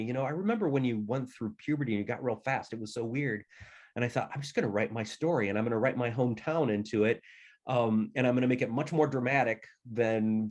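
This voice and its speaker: A man, an author, casually telling the story behind his writing in a relaxed, plainspoken way. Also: mid-range voice.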